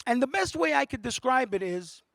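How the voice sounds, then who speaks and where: A man doing stand-up comedy, animated and quick to switch voices. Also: extremely high pitch, creaky, no room sound, studio quality. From Montreal, Canada. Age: 40s. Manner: animated, jumps between voices and languages. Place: theatre studio.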